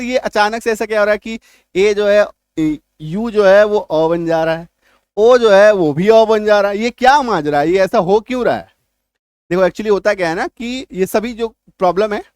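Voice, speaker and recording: High-voiced Hindi-accented male English teacher. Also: no room sound, studio quality. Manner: spells letters aloud and keeps checking with "ठीक है?". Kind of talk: classroom-style video lesson.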